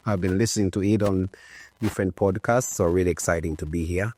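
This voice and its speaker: A man in his forties who grew up in Uganda, a guest entrepreneur answering interview questions in a relaxed, thoughtful way with frequent fillers. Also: low voice, a little fast, a little hiss or hum. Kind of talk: conversational interview.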